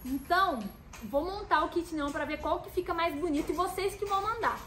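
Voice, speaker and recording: High-voiced Brazilian woman vlogging while shopping. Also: a little fast, slight background noise. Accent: Brazilian Portuguese. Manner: animated, talks to viewers while browsing. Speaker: stationery store vlogger. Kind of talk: chatty shopping vlog. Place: inside a stationery store.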